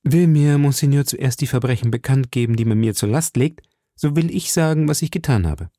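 A man voicing a proud, fearless young musketeer who speaks earnestly and forcefully. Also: mid-range voice, lively intonation, brisk, no room sound, studio quality, pitched above the performer's own voice, close to an everyday voice. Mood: defiant.

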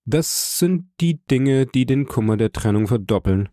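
A man reading an audiobook, voicing a dignified count who speaks in a measured, gently persuasive way. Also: medium pitch, expressive, no room sound, clean studio sound, pitched above the performer's own voice, lightly acted. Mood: calm. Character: dignified aristocratic older count, calm and kindly. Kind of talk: audiobook character voice.

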